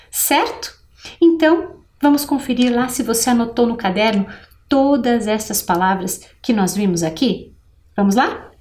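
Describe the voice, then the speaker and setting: A woman teacher with a Brazilian Portuguese accent giving a patient televised literacy lesson, spelling out syllables slowly. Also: fairly high pitch, a little mellow. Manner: slow, patient, enunciating syllables.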